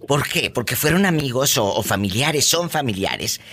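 A man's voice: medium pitch, sing-song, moderate pace, bright, forceful tone, slightly rough. A man hosting a call-in radio show, chatting in a playful, teasing, gossipy way. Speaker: radio host. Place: radio studio.

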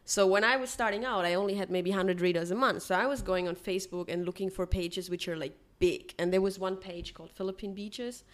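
A woman's voice: medium pitch, brisk, few pauses. Woman, English speaker, interview guest, earnest, laughs easily. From Germany. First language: German. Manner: earnest, slightly non-native phrasing, laughs easily. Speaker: travel blogger guest. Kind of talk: casual interview chat.

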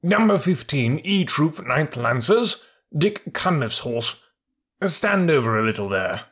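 A man's voice: on the high side, sing-song, measured pace, fairly bright tone, husky, pitched above the performer's own voice, exaggerated voice. A man voicing a proud, dignified male cavalry troop horse in a storybook, speaking in a stately way. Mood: steady. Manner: indignant and stately.

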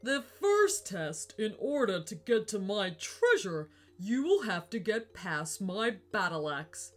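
A woman voicing a proud, ghostly male Viking warrior in a storybook reading, speaking slowly and booming. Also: very animated, soft background music. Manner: slow, booming, solemn.

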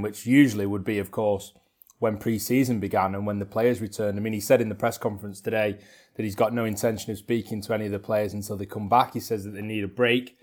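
Low-voiced man hosting a podcast. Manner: relaxed, summarising points then handing over by name. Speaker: podcast host. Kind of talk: casual football podcast chat. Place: room shared with co-host.

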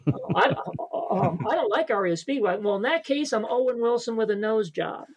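With lively intonation at a moderate pace, this high-voiced male comedian chats casually as a guest on a podcast, meandering with lots of fillers and restarts over a little hiss or hum.

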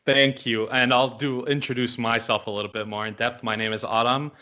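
A man from Los Angeles hosting a casual podcast, talking in a relaxed way with lots of fillers. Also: medium pitch, fairly quick, dull audio. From Los Angeles, United States. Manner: relaxed, filler-heavy, friendly. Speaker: podcast host.

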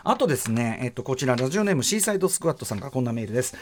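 A middle-aged man hosts a casual radio talk in a studio, words tumbling out at a breakneck clip. His pitch rises and falls all over the place as he jokes and reads listener mail. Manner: fast and animated, reads listener mail aloud. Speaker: radio host. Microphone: studio microphone.

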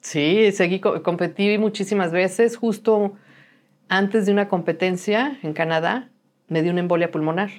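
A woman's voice: lowish voice, moderate pace. A middle-aged woman chats as a guest in an interview. She tells her story with energy and acts out the voices of people in it. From Mexico. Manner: animated storyteller who acts out quoted dialogue. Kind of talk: casual interview chat.

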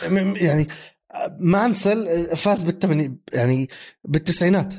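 A man, co-hosting a casual sports chat. He is animated, laughs often and mixes English phrases into his speech. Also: sits high, a little fast. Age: 30s. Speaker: podcast co-host.

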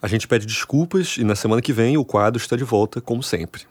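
Man, podcast co-host, rapid delivery, dry sound, reads a scripted note. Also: medium pitch, dry recording. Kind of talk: scripted segment announcement.

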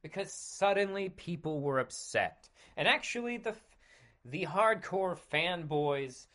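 A man in his thirties hosting a podcast, talking casually with sarcasm and frequent throat clearing. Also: a little high, lively intonation, a little slow, sharp tone. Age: 30s. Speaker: podcast host. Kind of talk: casual monologue.

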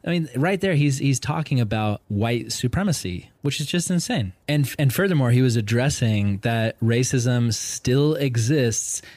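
A man's voice: mid-range voice, animated, a little slow, few pauses, darkish tone, no echo. A male podcast host in casual conversation, talking earnestly with frequent fillers. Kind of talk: casual chat.

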